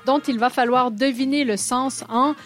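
A woman's voice: sits high, fairly even intonation, fairly bright tone, faint music behind. A young woman with a Québécois accent, teasing and laughing as she runs a playful radio quiz. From Quebec. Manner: teasing, laughs often, explains slowly. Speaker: radio columnist.

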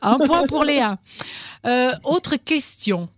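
A woman's voice: sits high, animated, slow pace, dry recording, clean studio sound. A woman hosting a radio quiz, teasing her guests and laughing often. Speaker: radio host. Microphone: studio microphone.

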